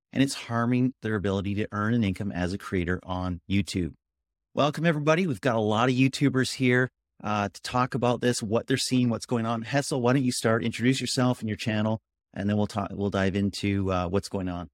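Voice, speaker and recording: Male host, low-pitched, dry close sound, brisk friendly moderator on a video call. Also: no room sound. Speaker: podcast host. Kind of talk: interviewing guests on a video call.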